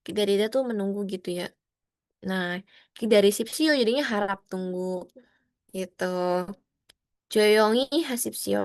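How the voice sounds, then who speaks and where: A woman's voice: moderate pace, long pauses, clear, resonant tone, no echo. A woman teaching an online class in a friendly, patient way, often acting out sample phrases with rising or falling tones. Her voice sits in a middle range. The sound is dry and close, with no room around it. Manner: friendly, explains patiently, addresses students as friends; acts out sample phrases with rising or flat pitch. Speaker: Korean language teacher.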